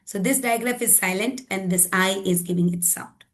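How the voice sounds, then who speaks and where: Slow, deliberate woman teacher. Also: mid-range voice. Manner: explanatory, often checks with "right?" and "okay?"; mixes Hindi and English. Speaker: teacher trainer. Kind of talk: online phonics lesson.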